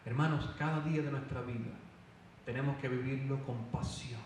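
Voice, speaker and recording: A man preaching a fervent sermon with loud emphatic calls. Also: medium pitch, fairly even intonation, normal speed, slight background noise. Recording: echoey hall, voice from far off.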